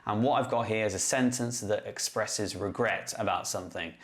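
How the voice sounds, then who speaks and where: A man who teaches English, talking through a step-by-step tutorial in a clear, methodical way. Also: fairly low pitch, moderate pace. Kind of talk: classroom-tech tutorial explanation.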